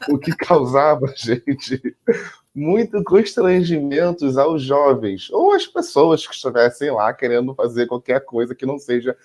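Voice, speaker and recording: Co-hosting a casual conversation that's partly scripted, this man speaks with a Brazilian Portuguese accent in a mid-range, darkish, animated voice at a measured pace. He jokes around with his partner, laughs easily, and addresses "gente".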